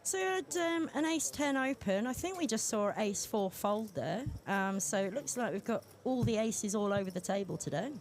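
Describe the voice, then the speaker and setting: A woman's voice: medium pitch, expressive, moderate pace, hardly any pauses. A woman co-hosting live poker commentary, chatty and playful, asking questions and bantering with her partner.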